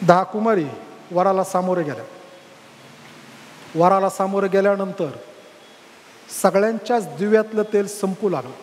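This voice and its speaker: Pastor preaching fervently, really high voice, echoing church hall. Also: male voice, moderate pace, long pauses, slight background noise. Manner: fervent preaching that climbs to loud calls. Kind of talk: sermon.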